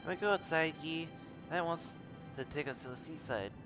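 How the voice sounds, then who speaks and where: A man's voice: a little high, normal speed, music in the background, pitched above the performer's own voice, natural voice. A man voicing a cheerful, affectionate young girl, a playful little sister, while reading out video game dialogue. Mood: affectionate, coaxing.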